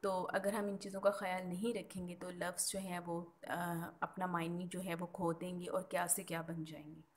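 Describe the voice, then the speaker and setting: A woman's voice: lowish voice, level tone, normal speed. A woman teaching a recorded Urdu school lesson, explaining patiently and spelling words out letter by letter. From Pakistan.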